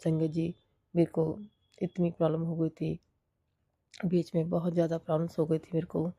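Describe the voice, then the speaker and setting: A middle-aged woman with a hoarse voice from a cold, sharing a devotional gratitude testimony and repeating her prayerful thanks again and again. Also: sits low, completely flat delivery, moderate pace, dark tone, no echo.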